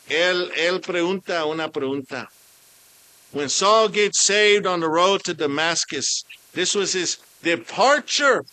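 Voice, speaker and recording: A man delivers a bilingual sermon, moving between Spanish and English and stopping to search for the right word. His voice is high and sharp, and the recording is dry.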